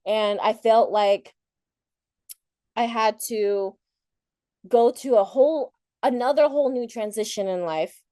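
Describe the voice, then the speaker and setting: Born in Thailand with Thai as her first language, this woman later moved to the United States and now speaks at conferences about her own story. Her informal, candid motivational talk is reflective and conversational, often rephrased mid-thought, in a mellow voice on the high side, delivered slowly with long pauses. The studio sound is clean, with no room sound.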